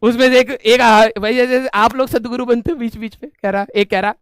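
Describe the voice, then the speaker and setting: A young man casually telling a story to his viewers, animated and often saying "ठीक है". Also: extremely high pitch, normal speed, smooth, no room sound, clean studio sound.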